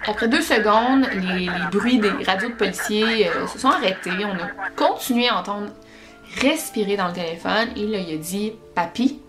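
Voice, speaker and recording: A woman with a Québécois accent, hosting a podcast and telling paranormal stories in an animated, chatty way. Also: medium pitch. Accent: Québécois French. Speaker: podcast host.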